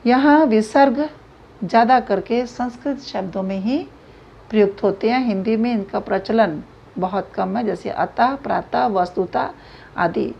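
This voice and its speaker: A woman teacher giving a grammar lesson, explaining slowly and repeating examples aloud. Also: medium pitch, vocal fry, a little mellow, breathy edge. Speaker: Hindi teacher. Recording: dull lo-fi recording.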